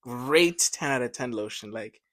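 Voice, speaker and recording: A man's voice: mid-range voice, animated, a little slow, fairly bright tone. A young man co-hosting a casual podcast chat, joking and laughing often. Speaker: podcast co-host.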